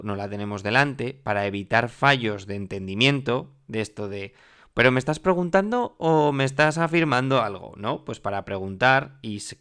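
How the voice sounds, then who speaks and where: A man's voice: fairly low pitch, fairly bright tone, clean tone. A man teaching French to Spanish speakers in a classroom lesson, explaining patiently and checking in often with the class. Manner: explanatory, repeats "¿vale?" and "mirad" often.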